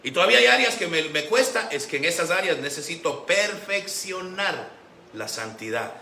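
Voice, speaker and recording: A man preaching a Sunday sermon as pastor, animated, acting out the voices he quotes. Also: on the high side, normal speed. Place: church sanctuary. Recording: echoey church room with faint background noise.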